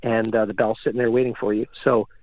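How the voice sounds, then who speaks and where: Guest, rambling storyteller, tinny dry phone line. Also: male voice, lowish voice, level tone, fast talker, no room sound. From Canada. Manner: rambling, many fillers. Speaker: guest, recording engineer. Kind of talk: casual storytelling.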